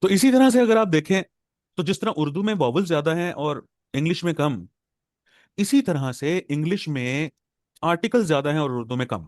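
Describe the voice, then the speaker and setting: A man's voice: on the high side, lively intonation, a little mellow, no room sound, clean studio sound. Pakistani man teaching a class. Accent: Pakistani Urdu. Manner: explanatory, repeats words slowly to drill pronunciation. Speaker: English professor lecturing exam aspirants. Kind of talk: classroom lecture.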